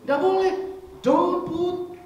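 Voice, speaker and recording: A man voicing an anxious young mother who scolds her child in a high, urgent singsong falsetto. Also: steady tone, drawn-out words, a little mellow, lo-fi sound, full character voice. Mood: scolding. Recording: echoey hall, mic far off.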